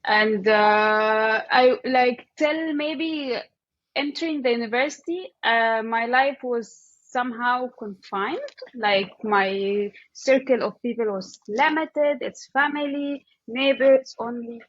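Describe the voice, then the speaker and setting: This woman, a guest in an interview, speaks with an Egyptian accent at a fairly high, slightly bright pitch. Hunting for words, she's halting and conversational, saying "like" again and again while thinking aloud, in a muffled, somewhat roomy recording.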